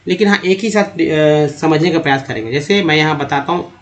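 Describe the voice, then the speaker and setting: A man's voice: fairly high pitch, brisk. A man teaching English pronunciation in Hindi, stretching and repeating example words step by step while addressing viewers as friends. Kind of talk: Hindi-language pronunciation lesson.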